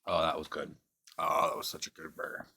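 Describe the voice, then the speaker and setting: On a home livestream with the camera on a table, a male tarot-reading streamer chats casually, rambling and swearing loosely, sometimes with his mouth full. His extremely low, gravelly, husky voice is pushed and bright but completely flat, and he talks briskly. The sound is studio quality with no echo.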